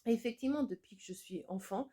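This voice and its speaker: A woman with a somewhat high, mellow voice talks straight to her viewers in an improvised monologue. She is an energy healer and a mother, and she speaks in an earnest, reflective way. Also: fast talker. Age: adult with children.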